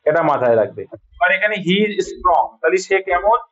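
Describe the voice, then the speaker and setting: Man, Bengali accent, grammar teacher, checks understanding often, somewhat high voice, dull lo-fi sound. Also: sing-song, moderate pace, breathy edge. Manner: patient, repeats points and checks understanding. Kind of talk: classroom lesson, explaining sentence corrections.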